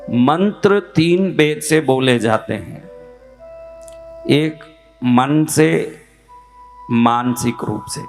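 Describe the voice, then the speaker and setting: Male spiritual teacher, unhurried lecturing pace, slightly raised pitch, asks the listeners questions and answers them himself. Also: gravelly. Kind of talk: devotional teaching talk.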